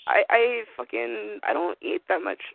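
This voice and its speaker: A woman with a gravelly, fry-laden voice rambles casually and swears a lot in a group phone chat. The line is thin and tinny. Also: fairly high pitch, lively intonation, normal speed, noisy background. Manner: profane, rambling.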